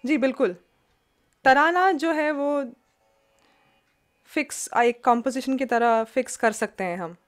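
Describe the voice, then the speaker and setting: A woman's voice: high voice, unhurried, long pauses. A woman teaching music in a webinar, explaining in Hindi and English and singing demonstration syllables and song lines. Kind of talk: webinar lesson with sung examples. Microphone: video call.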